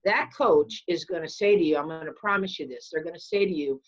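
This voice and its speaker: A woman's voice: low-pitched, fairly quick. A woman from the athletics staff hosting a virtual info session, speaking confidently and persuasively over a video call. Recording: dull lo-fi video call audio.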